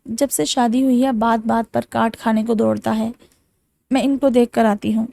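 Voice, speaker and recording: A woman's voice: a little high, steady tone, gravelly, mellow, no room sound. A woman voicing a proud, fussy middle-aged mother in an audiobook. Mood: complaining. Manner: fussy, self-satisfied.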